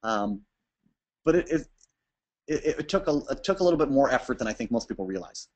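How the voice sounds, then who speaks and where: A man presenting a webinar to app builders, talking fast and energetically with frequent restarts and ums. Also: mid-range voice, lively intonation, highs cut off. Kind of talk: informal talk to users.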